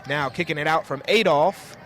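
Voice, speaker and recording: This young play-by-play announcer has a slightly high, a bit bright voice and speaks at normal speed, calling a basketball game live on radio. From his courtside spot in a school gym, clear noise from gym ambience and bouncing balls fills the background.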